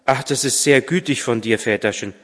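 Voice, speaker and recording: A man reading aloud as a poor, grateful old street sweeper, soft and wondering, in a reverberant church. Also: medium pitch, normal speed, natural voice. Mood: humble.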